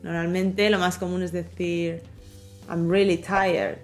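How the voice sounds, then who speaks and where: A woman's voice: on the low side, little pitch movement, slow, a little mellow, faint music behind. A woman co-hosting a vocabulary lesson, leading with conversational prompting questions. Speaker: co-host.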